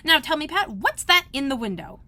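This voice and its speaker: Woman doing a bossy storybook rabbit, shrill and scolding, big loud swoops. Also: big pitch swings, brisk, heavily acted. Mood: angry. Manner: shrill, scolding, shouting orders.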